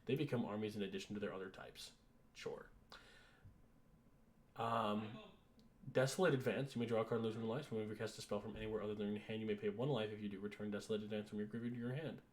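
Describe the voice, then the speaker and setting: A man's voice: lowish voice, steady tone, quick pace, a little hiss or hum. A man going through a card list in casual commentary, reading rules text and reacting in an offhand, dry way. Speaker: card reviewer.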